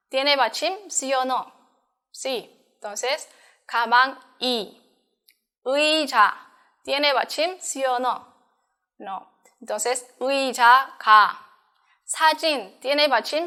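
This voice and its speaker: A woman's voice: high-pitched, a little slow, long pauses, sharp tone, clear, resonant tone. Patient woman teaching a language lesson. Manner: patient, step-by-step explaining with frequent "¿sí?" checks. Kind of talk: recorded online lesson.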